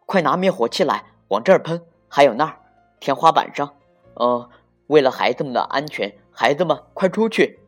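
Brave storybook firefighter rabbit, firm and steady, lively delivery, played by the storyteller. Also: medium pitch, normal speed, faint music behind. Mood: commanding. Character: gruff adult firefighter rabbit.

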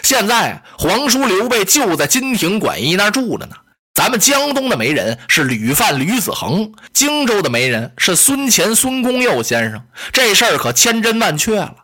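A male storyteller narrates in a vivid, rhythmic traditional style. His pitch swings widely and his tone is bright with a husky grain. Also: moderate pace. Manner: vivid, animated, rhythmic delivery.

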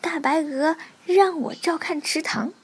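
A self-important storybook duck voiced by a woman bellows orders at everyone around its pond. The voice sits a touch high and turns loud and rapid whenever it lays down a rule. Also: gravelly, slight background noise. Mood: excited. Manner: shouting stern orders.

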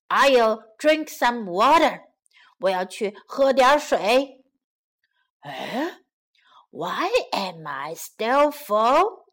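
Woman doing the Big Bad Wolf, low and drawling. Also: fairly bright tone, full character voice. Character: big bad male wolf, greedy and sluggish.

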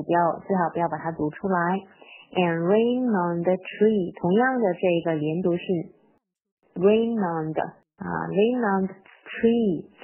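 A woman teaching a recorded phonics lesson on a nursery rhyme, explaining patiently and reading the English lines slowly and clearly. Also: lowish voice. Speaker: English teacher for parents and toddlers. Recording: tinny phone-like audio.

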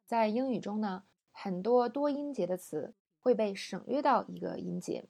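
A woman's voice: medium pitch, creaky, dark tone. Woman teaching English pronunciation. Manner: slows right down to model English words. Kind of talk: recorded audio lesson.

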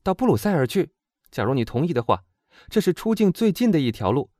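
A man's voice: on the high side, big pitch swings, dark tone, no echo, clean studio sound, voice pushed up. A man voicing a bold, confident young woman who teases her timid friend. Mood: brisk. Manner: brisk, confident, teasing.

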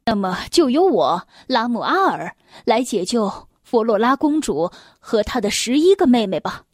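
A woman's voice: mid-range voice, expressive, unhurried, a little mellow, husky, no room sound, clean studio sound. A woman voicing an earnest, lovestruck young prince in a children's story, speaking with a heartfelt delivery. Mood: resolute.

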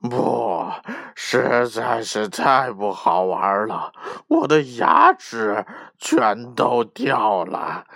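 A man voicing a sly, grumbling male big bad wolf with a gruff, muttering way of talking. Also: mid-range voice, fairly bright tone, no room sound, studio quality, exaggerated voice. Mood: whining.

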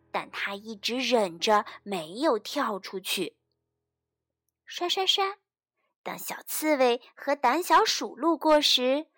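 A woman's voice: high-pitched, a bit bright, no room sound. A woman teacher telling a children's bedtime story with playful sound effects.

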